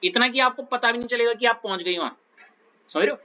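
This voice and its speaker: A man's voice: very high voice, quick pace, sharp tone, muffled recording. A male chemistry teacher giving a classroom lecture in a coaxing way, often checking that the student follows.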